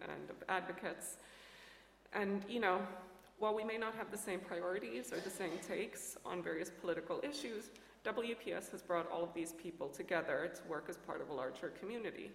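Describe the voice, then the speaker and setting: A woman's voice: lowish voice, creaky. A woman panelist giving earnest, scholarly remarks with some fillers. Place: large lecture hall. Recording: echoey hall.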